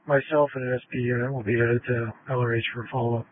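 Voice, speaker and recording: A man, a police officer, giving a quick, flat report over a police radio. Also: medium pitch, husky, no room sound. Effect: police radio transmission. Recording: tinny dry two-way radio.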